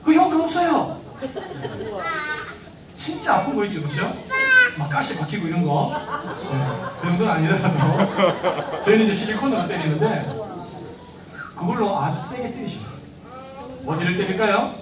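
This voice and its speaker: A man's voice: high-pitched, big pitch swings, normal speed, long pauses, over a noisy crowd. A man, a pastor, giving a sermon to parents, acting out parent and child voices and putting questions to the congregation. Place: church hall. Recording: echoey church hall, mic at a distance.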